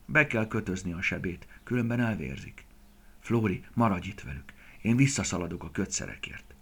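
A man voicing a kindly old grandfather, a former vet, in a storybook, talking calmly and fondly. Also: sits low, slightly rough, exaggerated voice. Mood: concerned. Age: older.

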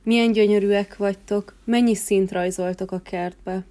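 Woman doing a stuck-up rose queen, storybook, grand and bossy, warm mellow voice. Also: fairly low pitch, natural voice. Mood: despairing. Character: proud haughty queenly rose, female.

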